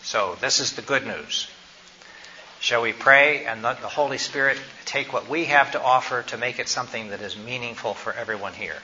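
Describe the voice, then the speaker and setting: A man's voice: mid-range voice, normal speed, bright, forceful tone. A man presenting health education to a group, praying, telling a Bible story, and then quizzing his listeners with questions. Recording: slightly dull recording, faint noise.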